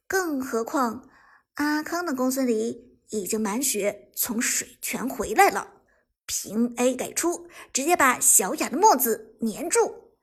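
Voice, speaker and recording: Give me a woman reading a story aloud in a high, airy voice. She tells it with lively energy and sudden bursts of excitement, like an audiobook narrator. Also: slow pace, breathy edge. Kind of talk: scripted narration of an esports novel.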